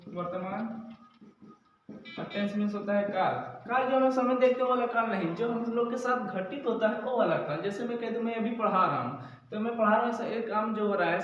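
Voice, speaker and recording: High-voiced man teaching in an echoey room. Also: slight background noise. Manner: explains step by step, asks and answers his own questions. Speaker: English teacher. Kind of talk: classroom lecture. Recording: echoey dull room sound from a distance.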